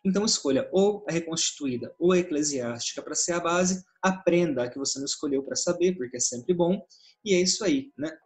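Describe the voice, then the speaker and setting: A man with a somewhat high voice explains Latin pronunciation in a casual, chatty way and keeps checking in with his listeners. Faint music plays softly behind him. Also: a little fast. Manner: relaxed, conversational, often adds "né?" as a check-in. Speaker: Latin teacher.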